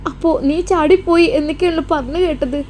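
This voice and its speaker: A woman's voice: high voice, quick pace, a little mellow, a little hiss or hum, pitched above the performer's own voice, lightly acted. A woman voicing a loving, anxious older mother in a spoken story, tender and pleading, with a Malappuram Malayalam accent. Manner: tender, pleading, calls her daughter dear.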